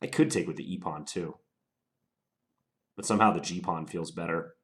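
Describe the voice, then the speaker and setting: Thinking out loud mid-game, a chess player with a very low voice and a stuffy nose from a cold narrates his moves. He takes his time, musing deliberately over every option.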